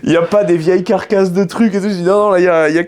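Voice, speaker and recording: A young man with a slightly high voice tells rowdy stories in loose, slangy casual chat. He gets animated and acts out the people he quotes. He is from France. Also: rapid-fire. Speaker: podcast guest telling stories.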